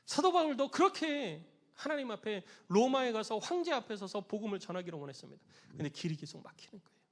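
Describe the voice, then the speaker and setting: A man's voice: very animated, fast talker, in a large hall. A man preaching a sermon as pastor, telling a parable with emphatic delivery and acting out the quoted voices. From Korea. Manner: emphatic preaching, acts out quoted voices with raised pitch and volume.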